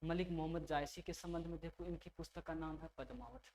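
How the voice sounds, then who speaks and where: A man's voice: fairly high pitch, level tone, fairly quick, darkish tone, slight background noise. A male teacher, giving a conversational exam-prep lecture and repeating key names for his students.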